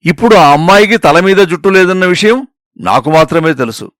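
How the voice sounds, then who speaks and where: A man reading out a comic story, telling it in a playful, expressive way. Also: high voice, a little fast, dry recording, clean studio sound. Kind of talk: scripted narration of a comic story.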